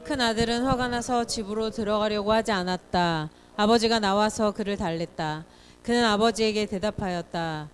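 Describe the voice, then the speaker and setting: Woman congregant, scripture reading, even and plain, mid-range voice. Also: medium pitch, moderate pace.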